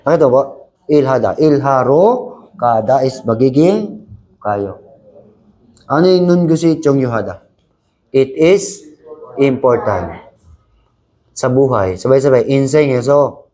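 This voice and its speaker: A man runs a language lesson, moving between Tagalog, English and Korean as he explains grammar. His voice is mellow and warm, and he keeps the class repeating lines together. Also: mid-range voice, animated, slow pace, pauses often. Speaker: language teacher. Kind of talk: Korean exam review class.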